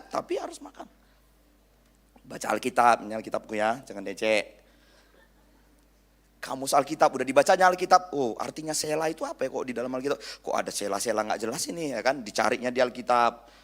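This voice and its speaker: A young man with a Medan Indonesian accent preaching a humorous youth sermon in a church hall, joking with the crowd and mimicking people. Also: medium pitch.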